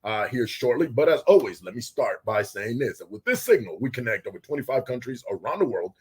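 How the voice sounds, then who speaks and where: A man hosting a casual live show from a small studio with guests, loud and excitable, often laughing. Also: mid-range voice, a little fast, breathy edge. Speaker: host.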